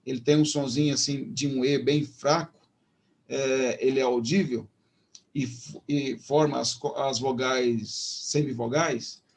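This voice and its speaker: Husky-voiced Brazilian man teaching a lesson. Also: medium pitch, fairly even intonation. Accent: Brazilian Portuguese. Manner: explanatory, with many fillers and restarts; slows down to pronounce Hebrew words. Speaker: Hebrew teacher. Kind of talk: online lecture.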